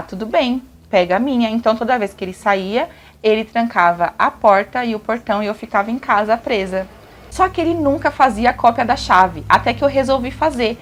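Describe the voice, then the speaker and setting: Chatty Brazilian young woman confiding. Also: on the high side. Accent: Brazilian Portuguese. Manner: chatty, addresses viewers directly. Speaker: vlogger. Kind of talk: emotional personal confession.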